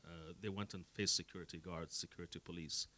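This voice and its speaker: Deep, earnest man from the Emirates. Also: fairly even intonation, fast talker, bright, forceful tone. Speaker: panel guest, activist. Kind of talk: panel discussion answer.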